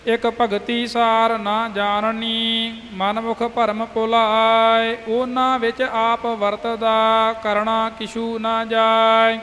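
A man recites scripture in a very high, nearly unchanging tone, weighing each syllable at a very slow pace. His voice rings out in a long-echoing hall with faint music underneath. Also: monotone, bright, forceful tone. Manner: measured, syllable by syllable.

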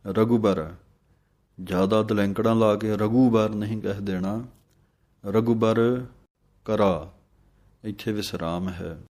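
Male recitation teacher, flat low voice, slow chanted verses broken by quick spoken corrections. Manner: chants verses slowly, then explains pronunciation in brisk asides.

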